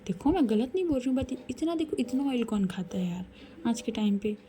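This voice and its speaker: A woman voicing an eager, apologetic young woman lover in a whispered role-play, with hushed whispering. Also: fairly high pitch, animated, brisk, lightly acted. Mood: teasing.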